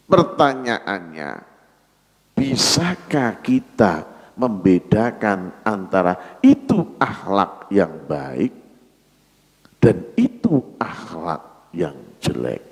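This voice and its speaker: A male preacher giving a mosque sermon, asking the congregation rhetorical questions. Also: medium pitch. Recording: echoey hall.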